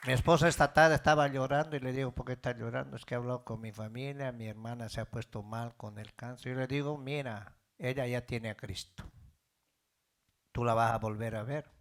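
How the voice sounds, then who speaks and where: A man's voice: medium pitch, steady tone, fairly quick. A middle-aged man preaching a sermon as pastor, building in fervor and calling out questions to his congregation.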